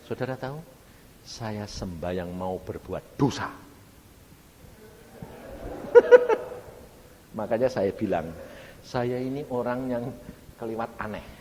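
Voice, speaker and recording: Guy preaching, low voice, slow but swinging up big, hall echo and faint rumble. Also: animated, warm tone. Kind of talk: sermon.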